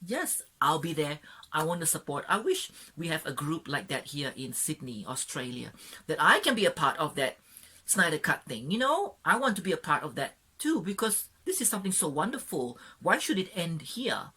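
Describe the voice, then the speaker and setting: Woman vlogger, young adult, low and slightly husky voice, effusive and giggly, casual film review. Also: sing-song, normal speed, sharp tone. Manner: gushing, giggly, apologetic. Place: Sydney, Australia.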